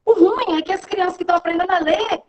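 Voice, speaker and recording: A woman's voice: very high-pitched, fast talker, a little hiss or hum, poor audio. A woman teacher giving a casual online class over a video call, chatty and often checking in with her students.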